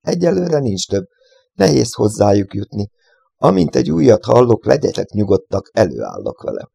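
A man reading a calm, teasing puzzle-setter. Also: fairly low pitch, vocal fry, breathy edge, dry recording, clean studio sound, full character voice.

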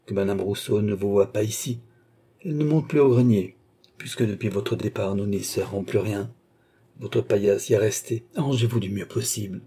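A man's voice: on the low side, normal speed, dark tone, husky. A man reading an audiobook, voicing a fretful, nervous aging philosopher who speaks cautiously and in haste. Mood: anxious.

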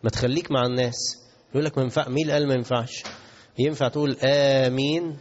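Egyptian sheikh guy giving a lesson, mid pitch, dull old recording w/ hall reverb. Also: steady tone, racing, a little mellow, a little hiss or hum. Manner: asks the audience questions and answers himself, mixes classical and colloquial. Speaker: sheikh teaching hadith. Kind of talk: religious lesson.

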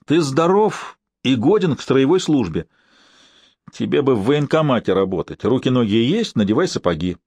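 A male narrator voicing a brisk, cheerfully scolding professor and doctor in an audiobook. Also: mid-range voice, sing-song, darkish tone, no echo.

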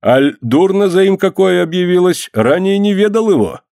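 A man's voice: high voice, lively intonation, moderate pace, darkish tone, no room sound, pitched above the performer's own voice. Man voicing a village priest, careful, placating, dry sound.

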